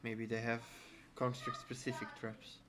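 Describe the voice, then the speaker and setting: Slow, hesitant man at a game table. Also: medium pitch, monotone, noisy background. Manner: hesitant, cautious, with fillers. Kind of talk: in-character game banter.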